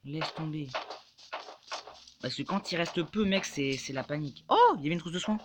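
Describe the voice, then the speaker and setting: A man giving live gameplay commentary, excitable and swearing, yelping and shouting when in danger. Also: a little high, moderate pace, noisy background. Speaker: gaming YouTuber.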